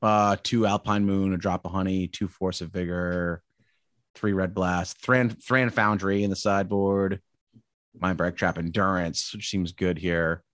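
A man's voice: low-pitched, fairly even intonation, a little slow, a bit bright, no room sound, studio quality. A man co-hosting a podcast in a casual, teasing, joking manner. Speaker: podcast co-host. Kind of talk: casual banter.

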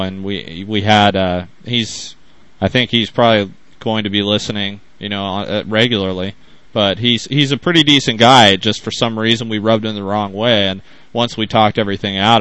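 Bright, dry-sounding man, low voice. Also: normal speed, no room sound, poor audio. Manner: laughs easily, rambling banter. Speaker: podcast guest co-host. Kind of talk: casual chat over a video call.

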